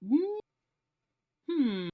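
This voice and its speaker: A woman playing a tabletop game, speaking softly. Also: high voice, sing-song, very slow, no echo, studio quality. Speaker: player. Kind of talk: casual tabletop play.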